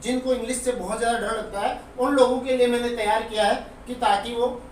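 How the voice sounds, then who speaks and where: A man's voice: extremely high pitch, fairly even intonation, fairly quick, a little hiss or hum. A man teaching an English lesson, explaining patiently and repeating example words to drill them. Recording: very echoey room, far from the mic.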